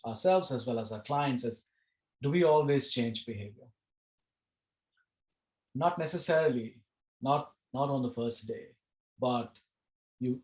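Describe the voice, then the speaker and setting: A man's voice: medium pitch, a little mellow, reverberant, rough recording. Man lecturing an online class. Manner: conversational, restarts phrases. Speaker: course instructor. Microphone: video call.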